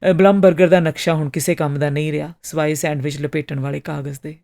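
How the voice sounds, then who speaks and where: A woman's voice: low-pitched, steady tone, quick pace, gravelly, warm tone. A woman voicing a polite, flustered young male clerk who explains with hesitant, stumbling speech. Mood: apologetic.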